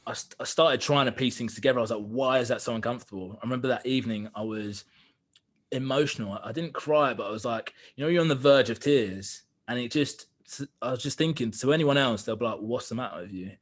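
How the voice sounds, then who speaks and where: A man's voice: mid-range voice, a little fast. Earnest man recounting a story. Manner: candid and earnest, many fillers. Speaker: podcast guest. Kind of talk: reflective storytelling in conversation.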